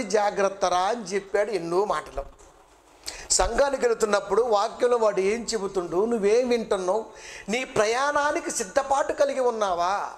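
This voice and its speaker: A man preaches in a very high voice. He talks bluntly and colloquially and keeps throwing rhetorical questions at his listeners. A faint noise runs under the recording. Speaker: preacher and bible college director. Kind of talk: sermon.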